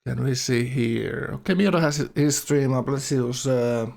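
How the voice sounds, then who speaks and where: A man casually commentating a game tournament on a live stream in a loose, halting, rambling way, his speech slightly awkward from a numb mouth. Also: mid-range voice, vocal fry, darkish tone.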